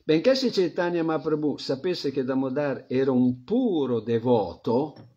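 A man teaching a devotional scripture class, reflective, often trailing off into a soft murmur. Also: medium pitch, expressive, moderate pace. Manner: reflective, drops to a soft murmur at phrase ends. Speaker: spiritual teacher. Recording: dull lo-fi recording.

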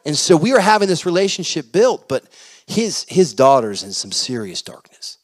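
A male pastor preaching a sermon, telling stories in an animated way that swings between loud and hushed. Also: a little high, moderate pace. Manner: animated, shifting loud and soft. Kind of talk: storytelling sermon.

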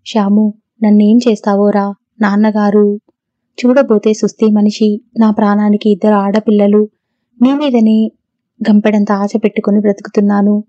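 Domineering mother-in-law, scolding and self-pitying, read by a woman in a mellow voice on a dull recording. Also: mid-range voice, flat delivery, normal speed, long pauses, dry recording, close to an everyday voice. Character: domineering older mother-in-law, quick to tears.

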